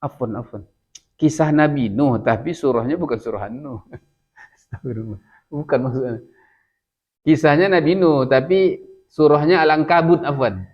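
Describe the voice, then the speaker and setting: A man with an Indonesian accent teaches Arabic in a classroom style, drawing out words slowly for repetition before explaining in a relaxed, chatty way. His voice sits a little high. The recording is dull and lo-fi. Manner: drills words slowly for repetition, then explains casually with light laughs. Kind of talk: classroom language lesson.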